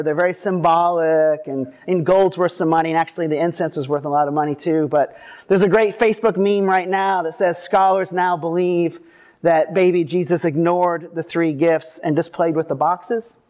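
A man preaching at a pulpit microphone, chatty and relaxed in his delivery, with joking asides and self-corrections. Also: a little high, normal speed. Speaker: priest. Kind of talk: sermon.

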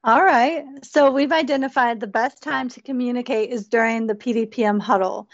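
Female host for a training podcast, fairly high voice, formal scripted delivery, lo-fi recording. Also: fairly even intonation, moderate pace, no room sound. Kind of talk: scripted educational podcast interview. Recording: dull, lo-fi podcast audio.

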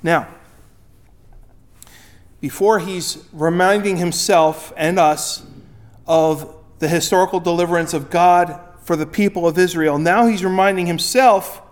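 A man's voice: fairly high pitch, unhurried, long pauses. A male pastor preaching a sermon. He reads scripture aloud with rising emphasis, then explains it, repeating phrases and restarting as he goes.

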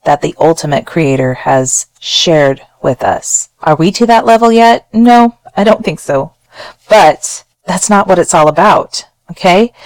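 A woman's voice: fairly low pitch, darkish tone, clear, resonant tone, no room sound, rough recording. A woman hosting a solo advice podcast, talking straight to one listener in an earnest, encouraging way. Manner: earnest, encouraging, direct address. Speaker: podcast host.

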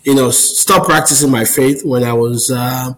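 A man in his forties from Cameroon speaks as a guest over a video call. His voice sits at an ordinary middle pitch, and his delivery is friendly and earnest. He talks through a long personal story at an easy conversational pace. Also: steady tone, moderate pace, poor audio. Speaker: podcast guest. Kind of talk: casual interview storytelling.

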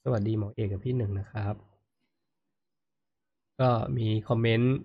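A man's voice: on the low side, steady tone, normal speed, a little hiss or hum. Man hosting a live chat, muffled. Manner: frequent murmured "mm" backchannels, reads comments aloud. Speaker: host. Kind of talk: casual live-stream chat, reading viewer comments.

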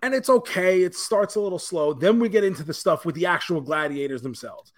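Male podcast co-host, high-pitched, profane and animated storyteller. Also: a little fast. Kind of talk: casual chat.

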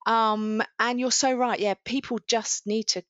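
A woman's voice: a little high, steady tone, a little slow, a bit bright, no echo. A woman co-hosting a podcast in casual chat, recorded with slightly dull, lo-fi sound. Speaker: podcast co-host.

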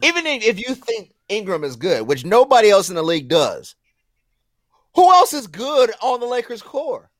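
A man's voice: high voice, normal speed, no echo, clean studio sound. A man co-hosting a sports talk show, ranting with disbelief in a heated debate. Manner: incredulous, ranting, animated.

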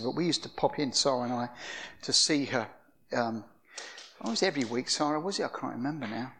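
Older man preaching in a chatty storytelling way. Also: mid-range voice. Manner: storytelling, conversational with restarts. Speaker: guest preacher. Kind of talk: anecdotal sermon.

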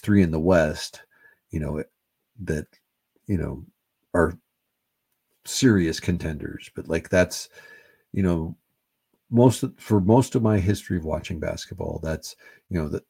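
A middle-aged man hosting a solo sports podcast, rambling in a relaxed way with many fillers, a little high. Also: slightly rough. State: high on cannabis. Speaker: podcast host.

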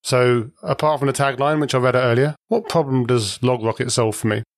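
A man's voice: medium pitch, fairly quick, no room sound, clean studio sound. A man hosting a podcast, reading a playful scripted intro and then asking questions in a joking way. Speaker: podcast host.

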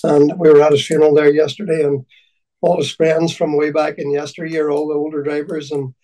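A man with a Donegal Irish accent reminiscing in conversation, haltingly and often repeating his words. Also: fairly high pitch, little pitch movement, dark tone, far from the mic, low-quality recording. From County Donegal, Ireland.

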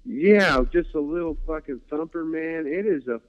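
A man's voice: on the high side, normal speed. A laid-back man chatting casually, who swears easily and keeps saying dude and man. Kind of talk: casual chat. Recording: dull lo-fi audio.

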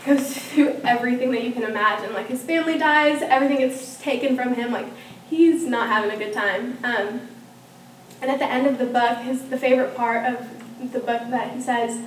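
A woman's voice: on the high side, fairly even intonation, normal speed. A young woman, a student, telling her personal faith story in a casual way, with many ums and likes. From Norman, Oklahoma. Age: young adult. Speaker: student giving testimony. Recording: echoey room, from far off, faint hiss.

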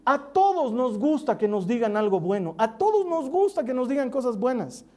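Man preaching a sermon, dark voice. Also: extremely high pitch, sing-song, normal speed. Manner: warm storytelling with soft intimate asides.

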